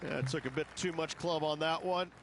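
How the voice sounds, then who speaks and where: A man acting as a golf analyst for video game commentary. His voice sits fairly high for a man, and he explains in a conversational way over clear background noise. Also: brisk, crowd noise, lightly acted. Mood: explanatory.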